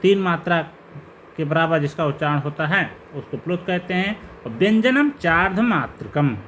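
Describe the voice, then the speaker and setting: A man's voice: a little high, expressive, a bit bright, slight background noise. A man teaching Sanskrit grammar in a lecture, listing terms one by one and asking questions to lead the class along. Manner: slow, repetitive listing of terms with rising questions.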